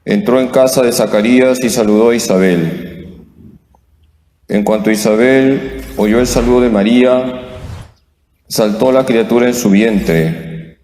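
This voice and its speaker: A male priest reading the Gospel and preaching slowly and deliberately, chanting the responses, heard in a large church with a cathedral echo. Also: medium pitch, dark tone, a little hiss or hum. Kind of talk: Mass reading and homily. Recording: echoey church, voice from afar.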